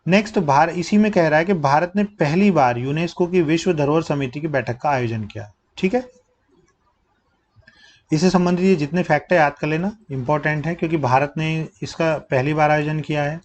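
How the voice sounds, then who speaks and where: Higher-voiced man teaching exam facts. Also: normal speed. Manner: asks questions and answers them himself, repeating key facts; drops low to stress facts to remember. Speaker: current affairs teacher. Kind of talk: exam prep lecture.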